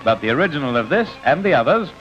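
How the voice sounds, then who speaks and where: A man narrating an old newsreel in a brisk, jaunty scripted manner with wry asides, heard as an old newsreel soundtrack. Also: a little high, big pitch swings. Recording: dull lo-fi old newsreel film sound with music.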